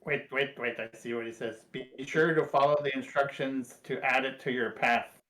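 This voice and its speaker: A man casually guiding a co-host through a software setup, repeating himself and affirming often. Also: mid-range voice, fairly even intonation, reverberant, poor audio. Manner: repeats words, quick affirmations. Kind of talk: casual chat giving instructions.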